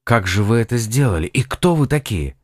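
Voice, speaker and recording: A man's voice: mid-range voice, sing-song, a little fast, no room sound, studio quality, pitched above the performer's own voice. A man narrating an audiobook who voices an earnest young man of the sea, asking eager, wondering questions. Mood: amazed.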